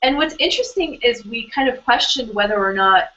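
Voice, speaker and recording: A woman's voice: on the high side, lively intonation, a little fast, sharp tone, lo-fi sound. A woman hosting an online hangout, talking casually and rambling with lots of fillers and restarts. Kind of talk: casual conversational interview.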